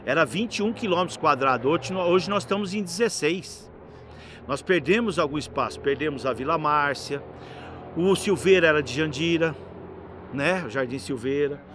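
A middle-aged man, telling stories as a podcast guest in a lively, slangy way. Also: a little high, moderate pace, a little hiss or hum. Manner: lively, slangy, animated storyteller. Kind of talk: casual anecdotal storytelling.

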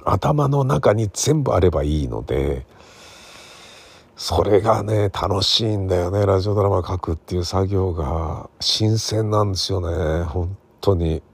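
Speaking unhurriedly, a middle-aged man with a husky, low, creaky voice hosts a casual solo podcast, captured on a smartphone. He also writes radio drama. His talk rambles along conversationally, with soft sentence endings that check in and seek the listener's agreement.

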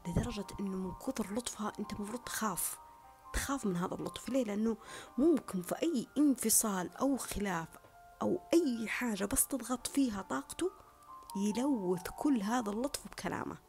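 A woman speaks in an earnest, reflective monologue, with a gravelly, creaky edge to her voice. She drives her points home through repetition and often slips into a soft whisper. Faint music plays underneath. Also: mid-range voice. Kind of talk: reflective monologue on love and relationships.

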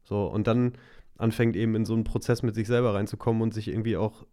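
A man's voice: fairly low pitch, quick pace, clean tone. Young male co-host, casual faith chat, reflective and easygoing. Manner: relaxed, reflective, laughs easily. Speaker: podcast co-host.

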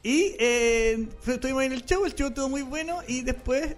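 A Chilean man co-hosting a comedy podcast, telling rambling stories in a casual, animated way. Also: very high voice, moderate pace. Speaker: podcast co-host.

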